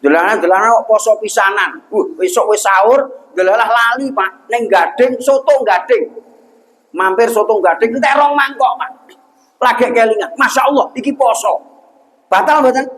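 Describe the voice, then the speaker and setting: High-voiced jokey preacher with a Javanese accent. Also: male voice, normal speed, a bit bright, poor audio. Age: young adult. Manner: jokey, asks the congregation questions and answers them. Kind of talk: humorous village sermon. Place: mosque.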